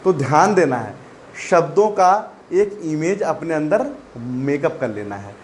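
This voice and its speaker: A man teaching a spelling lesson to exam students, repeating each word slowly and calling his listeners "children". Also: fairly high pitch, big pitch swings, a little mellow, a little hiss or hum. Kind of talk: classroom-style spelling lesson.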